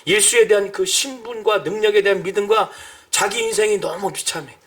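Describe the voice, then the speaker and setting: A pastor with a high-pitched voice preaches a brisk, emphatic sermon that rises to shouts at its climaxes. He acts out the cries and speech of the people he quotes.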